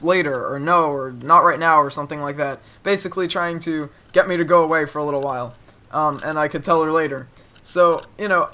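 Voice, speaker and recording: A young man with a bright, ringing voice recounts a childhood story in a relaxed, chatty vlog. He pitches a little higher than most men and pokes gentle fun at himself as he talks. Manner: chatty, self-deprecating, relaxed. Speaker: cubing YouTuber. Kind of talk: casual storytelling to camera.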